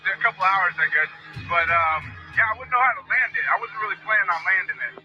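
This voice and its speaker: Young man on a cockpit headset radio, high voice, halting and rambling, muffled radio recording, music underneath. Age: 20s. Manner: hesitant, rambling, halting with many fillers. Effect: cockpit radio transmission over headset. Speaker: pilot of a small plane.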